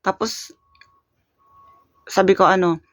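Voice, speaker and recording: A woman's voice: medium pitch, steady tone, takes it slowly, fairly bright tone, no room sound. A woman from the Philippines telling a casual story on her vlog, chatty, laughing often and trailing off with fillers. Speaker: vlogger. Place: home in Korea.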